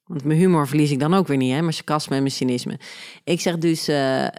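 A woman with a Flemish accent, hosting a podcast and telling a personal story in an animated, sarcastic way. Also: deep voice, fairly quick. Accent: Flemish Belgian. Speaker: podcast host. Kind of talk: casual storytelling.

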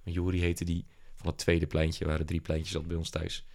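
Low gravelly-voiced man, halting. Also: monotone, darkish tone. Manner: hesitant, many fillers and restarts. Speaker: entrepreneur guest. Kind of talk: casual interview talk.

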